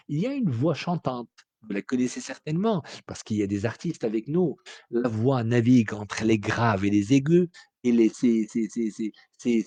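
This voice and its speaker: A man's voice: mid-range voice, dark tone, no room sound. A man from Morocco, giving a spoken lecture as a teacher in an explanatory way with frequent hesitations.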